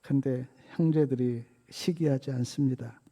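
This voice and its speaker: A man's voice: medium pitch, fairly even intonation, normal speed, mellow, breathy edge, highs cut off. A male pastor giving a storytelling sermon, retelling scripture with acted-out quotes. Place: church sanctuary. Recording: long church hall reverb.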